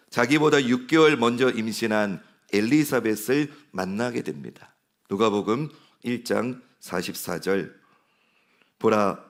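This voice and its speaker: A man in his forties, a pastor preaching a sermon in a conversational way and asking his congregation questions. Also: mid-range voice. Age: 40s. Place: church sanctuary.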